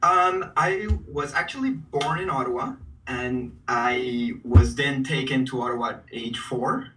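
A man's voice: medium pitch, unhurried, distant mic, noisy background. A man who grew up in Peru, chatting loosely as a guest artist over a video call, swearing freely and laughing as he talks. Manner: loose, profane, laughing storyteller. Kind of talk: casual chat.

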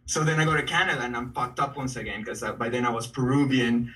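A man's voice: medium pitch, fairly even intonation, quick pace, sharp tone, recorded from a distance, low-quality recording. A man who grew up in Peru, chatting loosely as a guest artist over a video call, swearing freely and laughing as he talks. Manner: loose, profane, laughing storyteller. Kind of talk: casual chat.

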